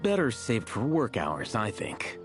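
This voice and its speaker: An actor playing an aloof, dry-witted male scholar in a video game, who speaks in a curt, deadpan way. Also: mid-range voice, unhurried. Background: game music.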